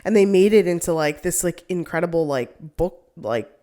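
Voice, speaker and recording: A young woman co-hosts a casual chat in a warm, fairly low voice with lively intonation and a moderate pace. She rambles, says "like" a lot, and laughs often.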